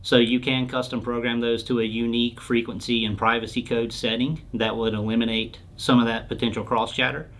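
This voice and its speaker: A man speaking as a company product expert answers questions in an informal, plain-spoken way, casually explaining things in an interview. His mid-range voice is level and a bit bright, fairly quick with few pauses.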